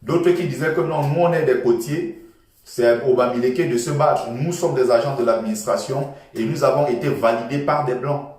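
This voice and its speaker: A man delivers a fervent political monologue, hammering points home through repetition. His voice sits at a middle pitch and sounds distant from the microphone. Heavy room echo surrounds every phrase. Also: normal speed, darkish tone. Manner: passionate, repetitive, lecturing. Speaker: political commentator. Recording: echoey room from far off.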